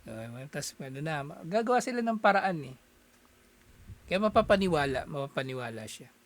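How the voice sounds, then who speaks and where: A man from the Philippines giving a casual, animated talk, chuckling often and acting out little exchanges as he explains. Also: on the high side, moderate pace.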